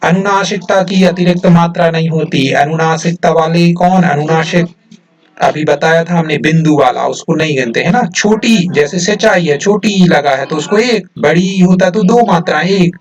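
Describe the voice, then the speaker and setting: A man's voice: a little high, moderate pace, distant mic. A male teacher explaining a grammar lesson to students in a patient, explanatory manner, often checking with "है ना" and "ठीक है".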